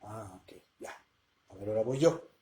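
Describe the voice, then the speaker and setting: A man's voice: fairly low pitch, normal speed, warm tone. A man hosting a live question-and-answer language lesson, talking casually and often checking in with his listeners. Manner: conversational, checks in with rhetorical questions.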